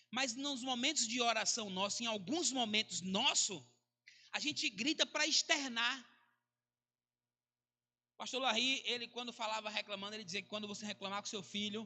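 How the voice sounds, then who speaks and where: A male pastor, preaching a sermon in a conversational way, mixing jokes with sudden swings between soft and loud. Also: very high voice. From Brazil. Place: church hall. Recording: reverberant church hall.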